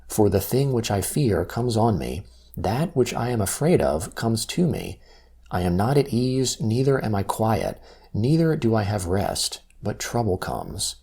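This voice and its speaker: A man reading scripture aloud from a text in a solemn, measured recitation. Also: lowish voice, sing-song, creaky, warm tone, breathy edge. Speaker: scripture reader.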